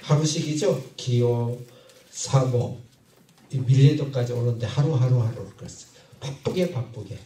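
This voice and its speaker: A man preaching a sermon as pastor, halting and repeating phrases, often asking his congregation questions. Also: mid-range voice, crowd noise. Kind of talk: sermon with Bible reading. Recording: echoey hall from far off.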